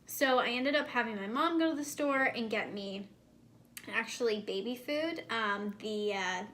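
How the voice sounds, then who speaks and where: A young American woman, host of a pregnancy-prep vlog, gives emphatic, repeated advice in a casual chat to camera at a measured pace. Her voice is on the high side and a bit bright, her speech slightly impeded by a swollen mouth.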